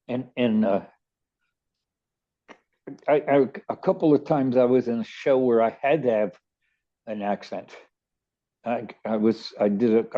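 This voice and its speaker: On dull-sounding audio, an older Baltimore-accented radio host rambles through casual stories in a mid-range voice. He often stumbles, restarts, and repeats words as he chats.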